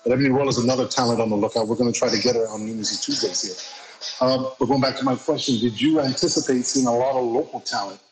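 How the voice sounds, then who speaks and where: A man hosting a radio interview, asking long, carefully framed questions in a measured way. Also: mid-range voice, background noise. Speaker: radio host.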